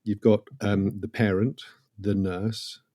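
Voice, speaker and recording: A middle-aged man, a consultant paediatrician, explaining clinical practice in a podcast interview with measured, dry humour. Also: on the low side, flat delivery, warm tone.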